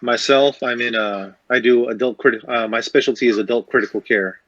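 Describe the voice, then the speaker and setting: A man's voice: mid-range voice, steady tone, fairly quick, a bit bright, dull audio. A man born in the Philippines, a respiratory therapist, answering interview questions plainly over a video call.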